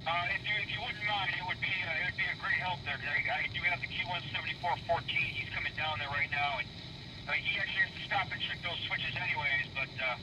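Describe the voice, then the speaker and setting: A man's voice: on the high side, steady tone, quick pace. A man working as a railroad dispatcher over a two-way radio, talking politely and hesitantly, with many fillers and restarts. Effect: heard over a two-way radio. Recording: distant scanner radio with loud static.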